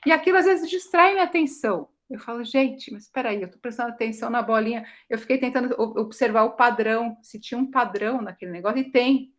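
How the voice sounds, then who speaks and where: A woman taking part in a study group, talking in an expressive, chatty way with lively swings in her voice. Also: a little high, brisk, hardly any pauses.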